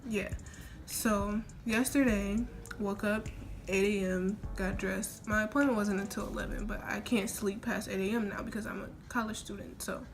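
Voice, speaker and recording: A young adult woman with a gravelly, mid-range voice tells a casual, rambling story as a vlogger, quoting herself along the way. Her intonation is fairly even and her pace moderate, and her mouth is sore from oral surgery. The homemade recording is noisy, with room ambience.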